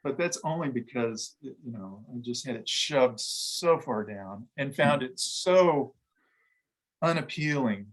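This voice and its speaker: A middle-aged man, a guest in an interview, talking reflectively with frequent pauses, fillers and restarts. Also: medium pitch, animated, poor audio. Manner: halting, thoughtful, many restarts and fillers. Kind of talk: reflective conversation.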